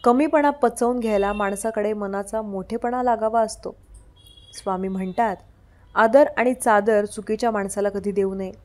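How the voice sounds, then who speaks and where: A woman reading out scripted devotional messages with a steady, preaching delivery. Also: medium pitch, moderate pace.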